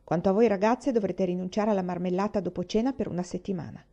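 A woman with a medium-pitched, warm, natural voice reads aloud quickly, voicing a bossy older boy who sternly appoints himself judge and lectures his verdicts sententiously. The mood is stern, and the highs are cut off.

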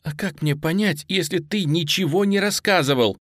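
A man's voice: on the high side, normal speed, fairly bright tone, dry recording, studio quality, voice pushed up. A man voicing a frightened, tearful young woman who pleads in a trembling voice, in an audiobook reading.

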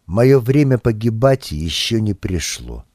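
A man reading an audiobook, voicing a calm tree-man who foretells people's fates in a measured, low voice. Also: dry recording, clean studio sound. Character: calm suffering male tree-man prophet.

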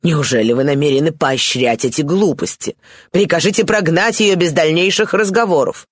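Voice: medium pitch, normal speed, husky, no echo, studio quality, lightly acted. A reader voicing a pompous, stately aristocratic dowager who scolds and pleads with her daughter, in an audiobook. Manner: stately, grandiose. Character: older aristocratic dowager mother, pompous and anxious.

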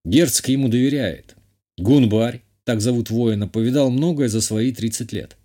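A man reading a first-person audiobook in a measured, even way. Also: medium pitch. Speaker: audiobook narrator. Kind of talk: scripted first-person narration.

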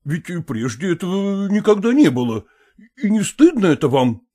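A man's voice: high voice, big pitch swings, moderate pace, warm tone, pitched above the performer's own voice. A man voicing a condescending, evasive professor who soothes and patronizes a jealous woman, reading an audiobook. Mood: patronizing. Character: condescending middle-aged male professor, evasive.

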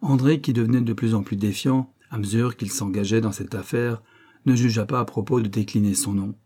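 Un homme qui lit un roman en livre audio, d'une lecture posée et régulière. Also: male voice, fairly low pitch, steady tone, brisk, warm tone, husky. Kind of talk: audiobook narration.

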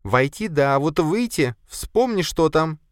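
A man's voice: fairly high pitch, expressive, unhurried, clean tone, dry recording, studio quality, voice pushed up. A man voicing a sarcastic, grumbling female spider familiar in an audiobook. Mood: grumbling warning. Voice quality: grumbling, caustic.

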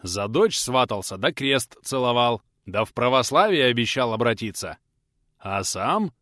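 A man voicing an aggrieved medieval male prince who declaims his grievances gravely and solemnly. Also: medium pitch, lively intonation, a little slow, sharp tone, no echo, clean studio sound.

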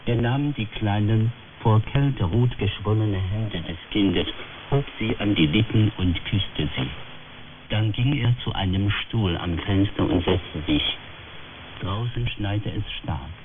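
A man reading a story aloud in a slow, measured narration. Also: on the low side, narrow, tinny audio. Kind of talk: scripted narration. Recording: crackly medium-wave radio broadcast.

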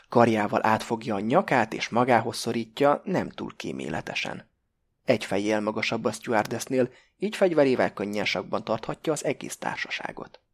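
A man reading a novel aloud in first person, in a measured and even way. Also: fairly low pitch, breathy edge. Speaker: audiobook narrator. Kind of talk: first-person literary narration.

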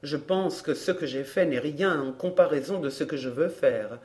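A woman's voice: deep voice, normal speed, a little mellow, voice pushed down, lightly acted. A woman reading an audiobook, voicing an earnest young man eager to serve the heroine.

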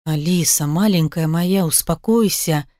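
A woman voicing an earnest young man in love, speaking softly and tenderly in a read-aloud story. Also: on the low side, measured pace, dry recording, clean studio sound, close to an everyday voice.

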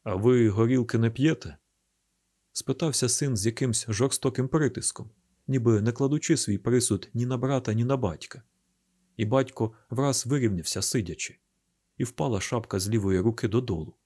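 Guy reading a novel aloud, husky, calm and grave, mid pitch. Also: normal speed. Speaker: narrator. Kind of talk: literary audiobook narration.

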